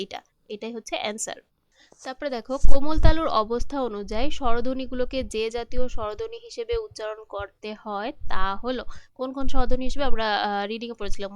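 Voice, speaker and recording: A woman's voice: fairly high pitch, a little hiss or hum. Woman teacher walking through quiz answers. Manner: patient, asks questions then answers them. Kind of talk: explaining multiple-choice answers.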